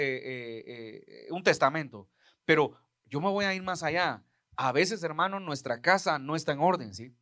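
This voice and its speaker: A man's voice: fairly high pitch, pushed and bright, no echo, studio quality. A man preaching a sermon as pastor, emphatic, turning to the congregation with frequent asides.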